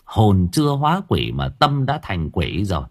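A man's voice: fairly low pitch, sing-song, normal speed, darkish tone, husky, heavily acted. A man voicing a fierce, foul-mouthed old village exorcist woman, scolding and cursing.

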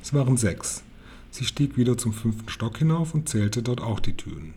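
A man reading a children's book aloud in a steady, plain storytelling manner, with the odd small slip. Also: medium pitch, normal speed, slight background noise. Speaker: audiobook reader.

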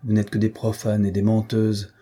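A man voicing a dying, bitter aging nobleman with a husky, dark voice, speaking in mournful, declamatory tones. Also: lowish voice, monotone, normal speed. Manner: mournful, declamatory, grows fierce.

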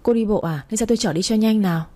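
A woman reading the part of a kind young man who coaxes and pleads gently, in an audiobook. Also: medium pitch, fast talker, lightly acted. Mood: concerned. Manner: coaxing, pleading.

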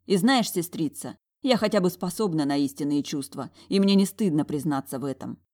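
A woman's voice: deep voice, expressive, fairly quick, a little mellow. A woman voicing a proud young heroine who answers in a clipped, defiant way in an audiobook.

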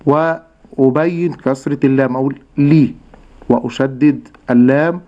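An Egyptian man teaching recitation on a radio lesson, slow and patient, stretching out words to show how they should sound. His voice sits at a middling pitch. The recording is dull and lo-fi, like old radio.

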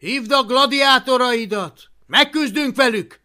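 Casting: young viking boy hero, earnest and eager, bright gravelly tone, woman reading. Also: fairly high pitch, expressive, voice pushed up. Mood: urgent.

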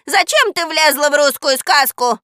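A furious old witch from a storybook, shrieking high and loud, snarling at everyone, as a woman reader puts her on. The pitch climbs well above the reader's own, the sound is close and dry, and she never lets up. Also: expressive, normal speed, no room sound. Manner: shrieking, shouting at the top of her lungs. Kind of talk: audiobook character voice.

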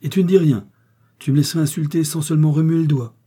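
A bitter old peasant woman of a storybook, shrill and spiteful, flaring into indignant outbursts, as a male narrator puts her on. The voice sits well above his own, dark and husky underneath, and loud. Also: steady tone, quick pace. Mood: outraged.

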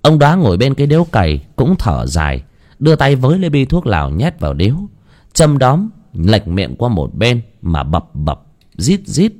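A man narrating a village ghost story in a folksy, expressive way. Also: mid-range voice, normal speed.

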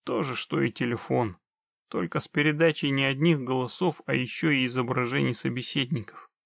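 A man voicing a cold, mercenary witcher who speaks with chilling, mocking calm. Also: mid-range voice, brisk, creaky, dry recording, natural voice. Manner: icily calm, dry, mocking. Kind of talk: audiobook reading.

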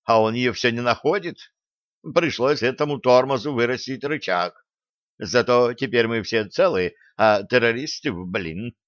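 A man's voice: mid-range voice, moderate pace, a bit bright, dry recording, close to an everyday voice. A man voicing a sarcastic female ship computer that appears as a ghostly gnome hologram, in a dull lo-fi audiobook recording. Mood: snarky. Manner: hissing, sarcastic.

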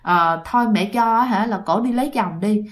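Woman voicing a gentle young man's ghost. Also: mid-range voice, normal speed, natural voice. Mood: pleading. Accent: Southern Vietnamese.

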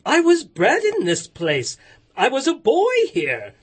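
A woman's voice: medium pitch, wildly swooping pitch, a little slow, husky, exaggerated voice. A woman doing a fervent old miser. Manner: fervent, exclaiming. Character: emotional old miser, man.

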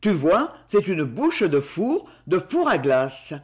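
A man voicing a blunt, suspicious rough man who talks in a gruff, familiar, sly way. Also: sits high, wildly swooping pitch, slow pace, exaggerated voice.

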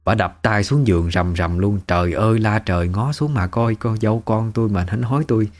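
A man's voice: fairly low pitch, fairly quick, darkish tone. A man with a Southern Vietnamese accent narrating a first-person family story in a conversational, emotive way.

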